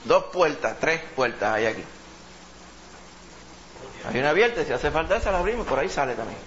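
Emphatic preacher, somewhat high voice. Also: male voice, expressive, fairly quick, lo-fi sound, noisy background. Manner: emphatic, repeats words, addresses "hermano". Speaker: pastor. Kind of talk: sermon.

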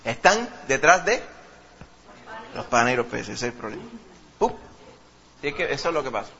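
A man preaching a lively sermon, calling his listeners brother. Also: medium pitch, normal speed, gravelly, highs cut off. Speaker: pastor.

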